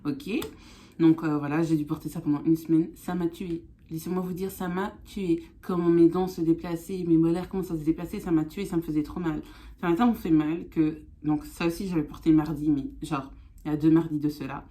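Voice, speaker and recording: Low, mellow woman talking with braces. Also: steady tone, a little fast. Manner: speech affected by newly fitted braces. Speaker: vlogger. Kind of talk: casual chat to camera.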